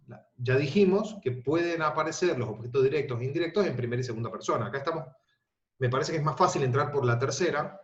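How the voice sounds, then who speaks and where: A male teacher giving a recorded grammar lesson. He explains patiently, rephrases often and checks in with his students. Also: medium pitch. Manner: halting restarts and fillers. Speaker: language and literature teacher. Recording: echoey room, dull lo-fi sound.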